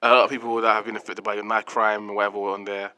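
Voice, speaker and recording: A man's voice: lowish voice, flat delivery, racing, bright, forceful tone, clean tone. A young man with a London roadman accent and slangy speech, chatting casually as a podcast co-host. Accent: London, urban street slang. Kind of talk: casual group chat.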